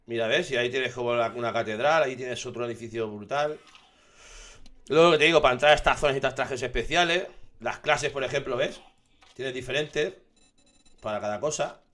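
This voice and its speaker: A young man from giving casual, excitable commentary over his survival gameplay, swearing and shouting when something startles him. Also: mid-range voice, brisk. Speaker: gaming streamer.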